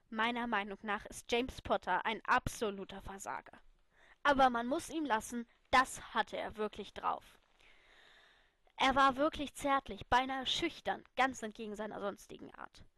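A woman reading a first-person story aloud in a lively way, acting out the quoted lines. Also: high-pitched, no echo. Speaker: reader.

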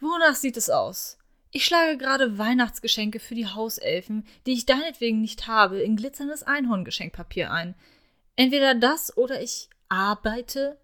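Woman reading Draco, a hoarse mocking wizard. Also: a little high, lively intonation, normal speed, a bit bright. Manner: theatrical, mocking drawl. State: scratchy throat. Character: sarcastic, drawling young adult wizard man, hoarse.

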